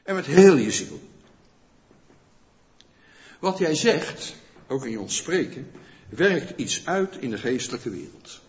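A man preaching a sermon in a conversational way, often asking the congregation questions and checking in with a quick "yes?". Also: medium pitch, big pitch swings, a little hiss or hum. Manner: rhetorical questions to the listeners. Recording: long church reverb, dull lo-fi sound.

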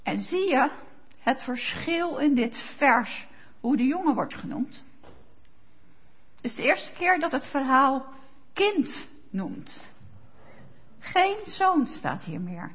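A woman preaching a sermon, slow and emphatic, rising to fervent quoted prayers. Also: high voice, big pitch swings, fairly bright tone. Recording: dull lo-fi sound.

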